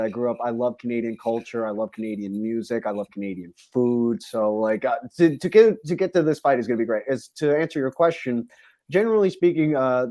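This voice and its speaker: A man's voice: mid-range voice, a little mellow, no room sound. A man from a fight promotion, a podcast guest, talking at length in a casual interview with many fillers. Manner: talkative, rambling with many fillers.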